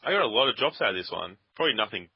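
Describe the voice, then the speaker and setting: A man's voice: on the low side, very animated, rapid-fire, breathy edge, no echo. A man rambling and grumbling sarcastically to his co-host while they play a game at his computer. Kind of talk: casual gaming chat. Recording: dull lo-fi dry sound.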